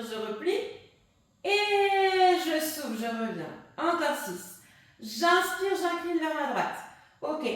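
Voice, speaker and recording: A woman teaching a pilates class, guiding breathing and counting repetitions while she does the exercises herself. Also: high voice. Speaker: pilates instructor. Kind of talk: guided workout instruction. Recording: echoey room, distant mic.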